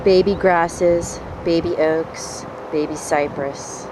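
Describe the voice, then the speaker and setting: A woman presenter describing what she sees on location, slow and descriptive. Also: on the low side, fairly even intonation, background noise. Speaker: show presenter. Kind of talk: on-location narration.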